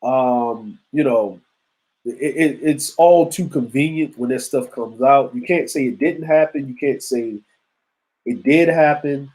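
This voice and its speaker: A man's voice: medium pitch, a little slow, darkish tone, rough recording. Laid-back man in his forties chatting live. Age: 40s. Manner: loose and conversational, street slang, frequent asides to chat. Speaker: show host. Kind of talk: casual live-stream commentary.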